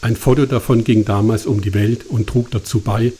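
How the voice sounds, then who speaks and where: A man reads a travel documentary voice-over in a calm, measured way. His voice sits a little low and sounds warm and mellow. It has the even delivery of scripted narration. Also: slightly rough.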